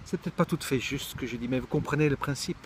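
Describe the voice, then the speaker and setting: A man's voice: medium pitch, racing, slight background noise. A middle-aged man from Israel giving a reflective monologue, thoughtful and searching for words, often restarting his sentences. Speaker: speaker sharing personal reflections.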